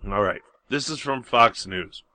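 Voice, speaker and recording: A male talk radio host trades sarcastic remarks and reads headlines in a grumpy, blunt way. His voice is bright and forceful, recorded dry and close to the mic. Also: fairly low pitch, animated, measured pace, no room sound. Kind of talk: casual talk radio chat and news reading.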